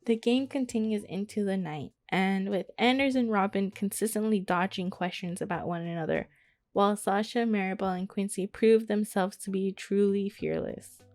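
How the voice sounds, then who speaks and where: A woman's voice: mid-range voice, normal speed, darkish tone, no echo. A woman streaming a visual novel, reading the narration aloud and giggling through her commentary. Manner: giggly, playful. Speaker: gaming YouTuber. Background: faint game music.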